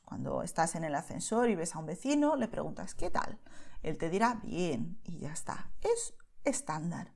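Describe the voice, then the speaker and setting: A woman's voice: medium pitch, dark tone. A woman from Spain with a Spain Spanish accent, teaching Spanish to beginners in a patient, explanatory way and often checking in with the learner.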